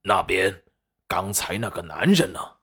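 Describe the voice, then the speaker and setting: Man doing a gruff one-eyed pirate boss. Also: low-pitched, sing-song, a little slow, sharp tone, exaggerated voice. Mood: wary. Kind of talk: audiobook character voice.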